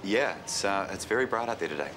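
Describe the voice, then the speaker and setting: A man's voice: fairly low pitch, lively intonation, fast, close to an everyday voice. An actor playing a suave, teasing professional man in a TV soap, speaking with wry, wordy formality. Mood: politely apologetic. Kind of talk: television soap opera dialogue. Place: large indoor clinic reception. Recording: noisy ambient TV soundtrack.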